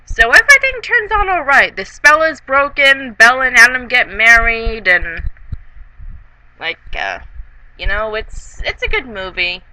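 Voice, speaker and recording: A tipsy-sounding comedic reviewer of ambiguous sex giving a casual movie recap, rambling and halting, trailing off between thoughts. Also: medium pitch, lively intonation, pushed and bright, slight background noise, rough recording.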